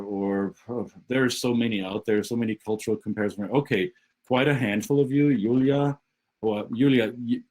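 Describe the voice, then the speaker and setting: A man leading an online session as a guest speaker, talking quickly and often restarting his sentences over a video call. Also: medium pitch, darkish tone, poor audio. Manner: brisk, halting with repeated restarts. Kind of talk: conversational talk on a video call.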